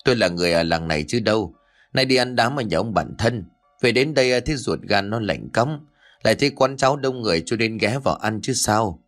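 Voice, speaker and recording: An honest old village man, frank and chatty, talking quickly and plainly with a low voice and a lively rise and fall, as a male narrator puts him on. He stumbles over a word at times, like a simple countryman in a storybook. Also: soft background music. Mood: candid. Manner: frank, talkative, slightly stammering.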